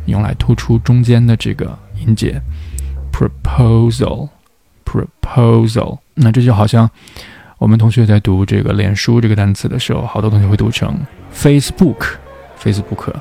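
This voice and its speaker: Man, pronunciation teacher, dark mellow voice, gravelly, patient step-by-step explanation. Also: on the low side. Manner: patient, explains step by step and demonstrates English words slowly. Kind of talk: explanatory lesson.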